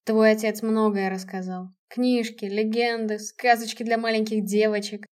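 A woman's voice: medium pitch, level tone, normal speed, a little mellow, close to an everyday voice. A woman voicing a cold, stern dead male general who speaks harshly and curtly. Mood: scornful. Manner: harsh, clipped, curt.

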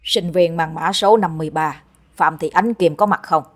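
A woman's voice: low voice, moderate pace. A woman reading the lines of a bald older male professor, formal and curt, in her own voice.

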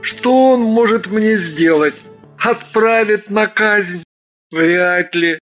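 A woman's voice: medium pitch, slow pace, soft background music, close to an everyday voice. Woman voicing Thir, a glum reluctant sinner. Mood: gleeful scheming. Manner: grumbling inner monologue. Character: ascetic young man turned reluctant sinner, glum.

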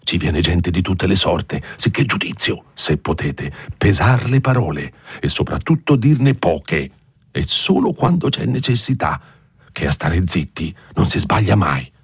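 A man's voice: sits low, big pitch swings, a little slow, slightly rough, dry recording, studio quality, full character voice. Man voicing a jittery old priest hissing rebukes. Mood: hushed scolding. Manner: anxious hushed scolding. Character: frightened fussy old male village priest.

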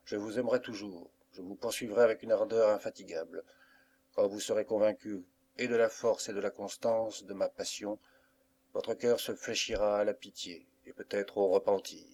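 Impassioned young count for an audiobook, read by a man, low voice. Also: steady tone, normal speed, a little mellow. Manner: insistent, impassioned. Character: passionate young nobleman, ardent suitor. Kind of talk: audiobook reading.

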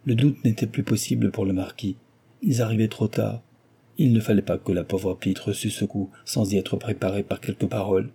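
A man's voice: lowish voice, creaky, breathy edge. A man steadily reading a classic novel aloud as narrator. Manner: steady and measured. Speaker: audiobook narrator.

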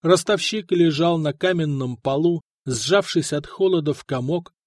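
Male audiobook narrator, measured storytelling, slightly high voice, dry close sound. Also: a little mellow, no echo. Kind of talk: scripted narration.

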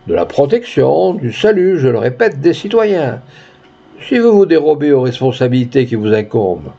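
A man's voice: medium pitch, creaky, darkish tone, breathy edge, dull audio, exaggerated voice. A man voicing a cowardly, pompous small-town notary who shrieks in panic and lectures with solemn threats.

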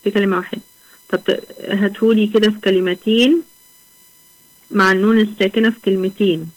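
A young woman with an Egyptian Arabic accent teaches an online Quran recitation lesson, speaking patiently in a steady, mid-range voice. She poses questions and answers them herself, stretching out the example words slowly, and the recording is rough.

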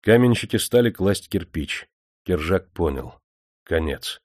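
Brief: male narrator, very low voice, dry close sound, grave and measured. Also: expressive, no echo. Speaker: audiobook narrator. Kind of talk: dramatic storytelling narration.

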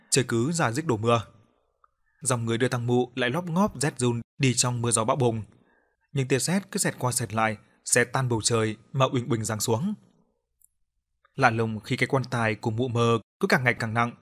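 A male storyteller narrates an audiobook in a plain, colloquial manner. His voice sits at an ordinary middle male pitch. He often interrupts the tale with scornful, cursing comments about the characters. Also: a bit bright.

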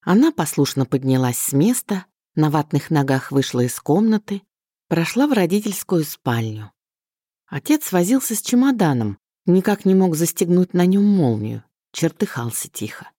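A woman reads a novel aloud with an expressive storytelling lilt. Her voice sits low and mellow yet swings widely in pitch. The recording is close and dry. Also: moderate pace, dry recording. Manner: expressive storytelling, mixing plain telling with inner voice. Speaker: audiobook reader. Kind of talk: scripted literary narration.

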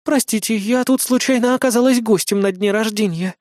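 A reader voicing a haughty, tiny female pop idol who holds a general's rank, indignant and quick to snap. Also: mid-range voice, a little mellow, no echo, studio quality, voice pushed up, natural voice. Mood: mocking. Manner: snappy, indignant, easily irritated. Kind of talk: audiobook character voice.

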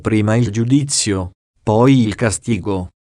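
A tormented male ghost of a dead sinner, as a man reading an audiobook puts him on. He answers in a few clipped words, very slowly, in a dry, close sound. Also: lowish voice, warm tone, dry recording, close to an everyday voice. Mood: mournful.

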